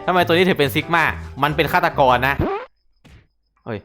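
A man hosting a game video, giving excitable, casual commentary full of laughter and casual swearing. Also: on the high side, normal speed, over music. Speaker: gaming channel host.

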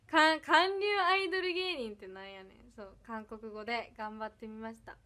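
A woman's voice: on the high side, steady tone, unhurried, bright, forceful tone. A young woman from Ehime speaking with an Iyo dialect mixed with some Kansai, chatting casually on a livestream, giggly and thanking viewers one by one. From Ehime, Japan. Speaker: idol livestreamer. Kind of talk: casual livestream chat reading comments.

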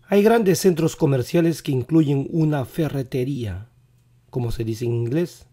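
A male teacher with a dark, mellow voice hosts a vocabulary quiz lesson. He talks very slowly and repeats each English word with care. His voice still sounds a little worn, as if not fully recovered. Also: mid-range voice.

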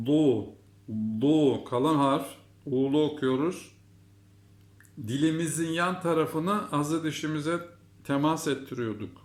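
A middle-aged male teacher pronounces Arabic letters and syllables, saying each one again and again with great patience. His pace is very unhurried and his voice sits a bit high. The room gives his voice a clear echo. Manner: patient, repeats each syllable several times. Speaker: Quran reading teacher. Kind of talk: slow step-by-step pronunciation lesson. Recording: roomy echo.

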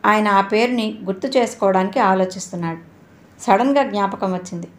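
Brief: female audiobook narrator, steady and even, reading a novel chapter at a mid pitch. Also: brisk.

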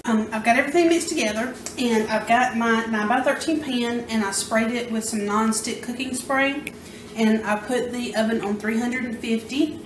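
A chatty, self-deprecating home cooking vlogger from the American South talks while she works in an echoey home kitchen, giving a casual cooking demonstration. Her voice is on the high side at normal speed, picked up by a camera mic from across the room. Clinking pots, pans and utensils make for a noisy background.

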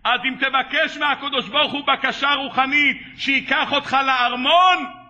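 High, bright-voiced rabbi preaching. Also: male voice, highs cut off. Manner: animated storyteller, laughs between lines. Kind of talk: sermon with storytelling.

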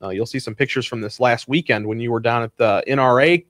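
A man's voice: medium pitch, fast, a bit bright, dry recording. A man hosting a radio talk show in a studio, chatting casually and joking with his guest. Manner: joking, easygoing, laughs often. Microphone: studio microphone.

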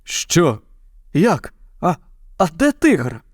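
Guy doing a grumpy soft-hearted bear, a bit higher than his own voice, dry close sound. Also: wildly swooping pitch, very slow, dry recording, full character voice. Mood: grumbling. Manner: grumbling, teasing. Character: good-natured grumbling old male bear. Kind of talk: storybook narration.

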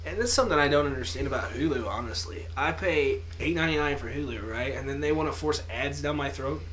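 Young male co-host, high bright voice, jokey and loose, faint background noise. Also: quick pace. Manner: laughing, jokey, swearing casually. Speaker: podcast co-host. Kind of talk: casual joking chat.

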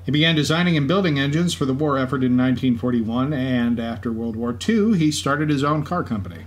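A man co-hosts a podcast, reading scripted narration in a medium-pitched voice at a fairly quick pace. Faint ambience from a racetrack event sits in the background.

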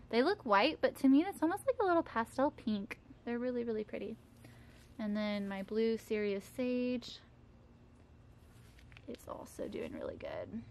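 A woman in her thirties, a home gardening vlogger, gives a chatty tour of her backyard garden, talking affectionately about her plants. Her voice is a little high. The handheld camera records clear outdoor background noise.

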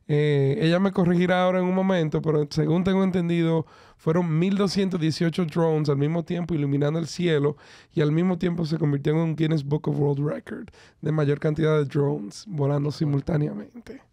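A man's voice: a little high, fairly even intonation, a little fast, warm tone, dry recording. Man hosting a podcast. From Dominican Republic. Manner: friendly, mixes in English phrases. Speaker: podcast host. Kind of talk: casual podcast interview.

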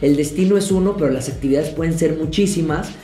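Young man, relaxed vlogger, warm mellow voice, echoey room, light music. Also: a little high, fast talker. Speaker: travel vlogger. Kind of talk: casual advice to camera. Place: living room, indoors.

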